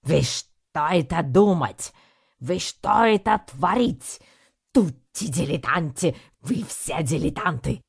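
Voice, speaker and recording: A woman's voice: deep voice, lively intonation, slow, vocal fry, husky, voice pushed up, heavily acted. A woman voicing a furious, theatrical male circus director with an Italian accent and broken grammar.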